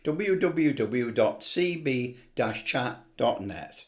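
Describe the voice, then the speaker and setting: This middle-aged or older man takes it slowly, his mid-range voice animated as he introduces a hobby video in a loose, enthusiastic, unscripted vlog style. There's slight background noise.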